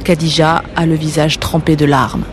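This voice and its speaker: A woman radio reporter narrating a scripted news story in a measured, narrative way. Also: low voice, steady tone, slight background noise.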